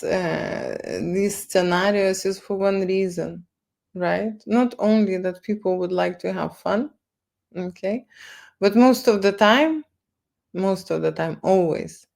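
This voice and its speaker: Livestreaming to her viewers, a woman who owns a photo studio talks casually in a Lithuanian accent, tagging lines with "okay" and "right" and repeating words. She has a fairly low, dark-toned voice with vocal fry.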